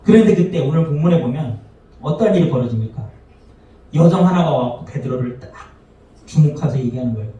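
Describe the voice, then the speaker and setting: Echoing preacher far off in a hall. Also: male voice, mid-range voice, expressive, a little fast, warm tone, dull audio. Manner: addresses the congregation often, asks rhetorical questions, acts out quoted lines. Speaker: pastor. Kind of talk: sermon. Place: church sanctuary.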